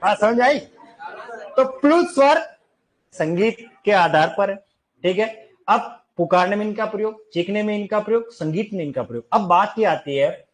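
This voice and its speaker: A man teaching a classroom lecture, lively and questioning, stretching and singing out examples for his students. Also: sits high, normal speed.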